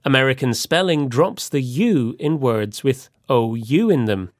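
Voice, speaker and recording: A man presenting a scripted language lesson with a lively, measured delivery. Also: mid-range voice, dry recording, clean studio sound.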